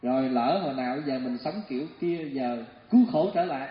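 A man's voice: mid-range voice, brisk. A man giving a Buddhist dharma talk, telling stories and acting out the voices. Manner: storytelling, animated, acts out voices. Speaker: Buddhist teacher. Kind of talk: dharma talk with acted anecdotes. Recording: echoey hall, dull lo-fi.

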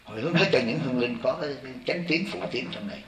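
A man, a Buddhist monk giving an animated dharma talk to a congregation and often asking them if they see. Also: mid-range voice, very fast, roomy sound, a loud crowd. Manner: animated, repeats "thấy không?" to the audience.

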